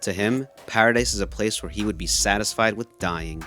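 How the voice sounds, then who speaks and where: A man's voice: fairly low pitch, brisk, sharp tone, faint music behind. A man reading scripted narration as a video essayist.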